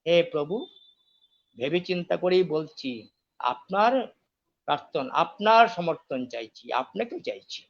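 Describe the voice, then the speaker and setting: A man's voice: fairly high pitch, animated, a little slow, long pauses, lo-fi sound. A man voicing a humble, devoted young warrior in a retold epic, pleading respectfully.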